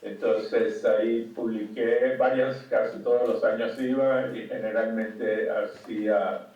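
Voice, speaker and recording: An older man from Cuba giving a conference talk over a video call, halting with many fillers and restarts. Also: on the low side, fairly even intonation, a little mellow. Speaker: conference speaker. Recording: distant, dull, echoey call audio.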